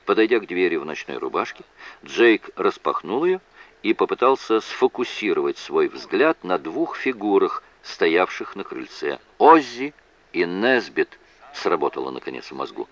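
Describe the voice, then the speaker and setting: A man narrating a thriller audiobook in an expressive, dramatic manner. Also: sits low, normal speed, highs cut off.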